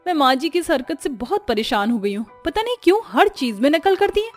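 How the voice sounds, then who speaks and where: A woman's voice: high voice, big pitch swings, fairly quick, faint music behind, pitched above the performer's own voice. A woman voicing a patient, sensible young daughter-in-law in a cartoon story, pleading and scolding. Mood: pleading, exasperated.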